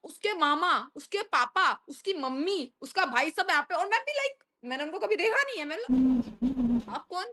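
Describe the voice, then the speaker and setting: A young woman telling a story on a video call, fast, profane and animated. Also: high voice. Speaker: stranger on a video chat. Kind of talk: casual storytelling on a video chat.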